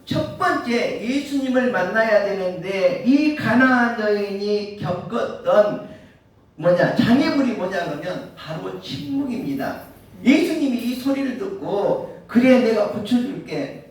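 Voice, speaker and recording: A male pastor preaching a sermon, asking his listeners rhetorical questions. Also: high-pitched. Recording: very echoey room, mic far off.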